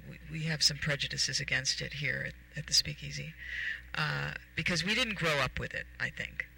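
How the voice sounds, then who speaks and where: A woman's voice: deep voice, normal speed, gravelly, pushed and bright, breathy edge, rough recording. A woman hosting a radio talk show, rambling playfully with many fillers and puns. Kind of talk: casual radio chat.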